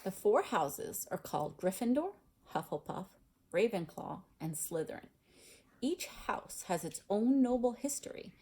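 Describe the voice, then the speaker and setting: A woman voicing a stern older female professor in a storybook, speaking in a formal, measured, authoritative way. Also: medium pitch, darkish tone, breathy edge, full character voice, rough recording.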